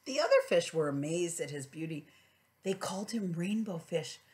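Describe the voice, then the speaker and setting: Her voice is lowish, her intonation lively, and her pace moderate as this middle-aged preschool teacher reads a storybook aloud, gently asking the little ones questions along the way.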